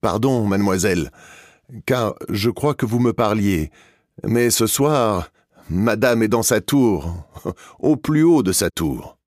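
A man's voice: on the low side, lively intonation, slow, a little mellow, no room sound, studio quality, voice pushed up. A man voicing a sweet elderly deaf lady. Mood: gentle. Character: elderly deaf noblewoman, gentle and modest.

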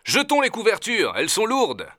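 A man's voice: high voice, sing-song, normal speed, sharp tone, no room sound, clean studio sound, voice pushed up, full character voice. A man doing a commanding expedition doctor. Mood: urgent. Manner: urgent, giving orders. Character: commanding male doctor, expedition leader, decisive. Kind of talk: storybook reading.

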